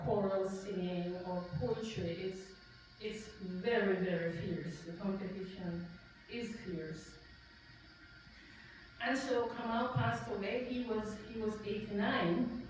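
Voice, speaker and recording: Heard distantly in a highly reverberant event hall over a soft background murmur, a middle-aged Jamaican-accented woman offers halting, off-the-cuff thoughts before reading at a tribute. A poet with a darkish, mid-range voice, she talks slowly, filling gaps and restarting her ideas as she reflects.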